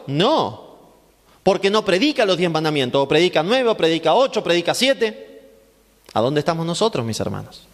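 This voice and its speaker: High-pitched preacher in an echoing hall. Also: male voice, a bit bright. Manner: asks rhetorical questions and answers them himself; emphatic, repeating phrases for stress. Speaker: pastor. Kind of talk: Bible class sermon. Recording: long hall reverb.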